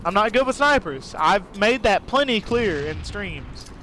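A man's voice: high voice, very animated, unhurried, bright, forceful tone, slight background noise. A young man live-streaming a shooter game, rambling casually, swearing and laughing as he plays. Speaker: gaming streamer. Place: home room during a thunderstorm.

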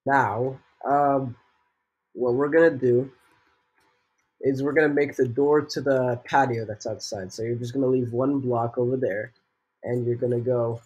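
Hosting a relaxed building tutorial for a game while ill, a teenage boy rambles with filler words and jokes, his voice a little off. It's mid-range and darkish with a breathy edge, and the recording is low quality.

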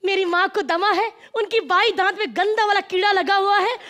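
A woman's voice: very high voice, steady tone, moderate pace, fairly bright tone. A woman playing a boastful, cheeky princess in a stage comedy sketch, flirting and bragging. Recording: noisy live stage with audience.

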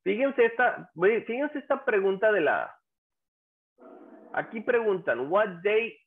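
A man teaches a class at an unhurried pace, patiently drilling example phrases and quizzing his students. His pitch sits a bit high and swings widely as he talks. The sound is thin and narrow, like a phone line. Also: lively intonation. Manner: asks the class questions and prompts them to answer. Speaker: English teacher. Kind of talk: classroom language lesson.

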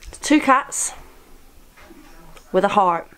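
A woman's voice: mid-range voice, lively intonation, slow, a bit bright, a little hiss or hum, poor audio. A British woman in her twenties chatting casually to camera as a vlogger. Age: 20s. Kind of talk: casual chatty vlog banter. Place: small bedroom, indoors.

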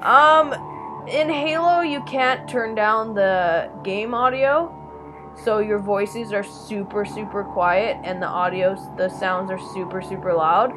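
An excitable young woman chatting with friends while gaming, shrieking when frustrated. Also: mid-range voice, slow pace, music in the background, rough recording. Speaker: gamer in party chat. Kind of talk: casual chat.

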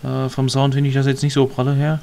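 A man's voice: mid-range voice, monotone, fast talker, vocal fry, a little mellow, slight background noise. A man casually commenting on a game as he plays, rambling, muttering to himself and grumbling a little. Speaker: let's player.

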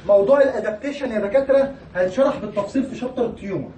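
A man's voice: extremely high pitch, rapid-fire, mellow, a little hiss or hum. A man with an Egyptian accent teaching pathology, mixing English medical terms into his explanation and asking the class questions that he answers himself. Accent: Egyptian Arabic. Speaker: pathology lecturer. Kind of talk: recorded university lecture. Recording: echoey room, voice from far off the mic.

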